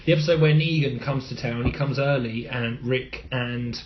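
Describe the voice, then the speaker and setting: A man's voice: mid-range voice, moderate pace, highs cut off. A man co-hosting a podcast, talking bluntly and swearing freely, recorded with poor sound quality on a phone. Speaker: podcast co-host. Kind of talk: casual banter.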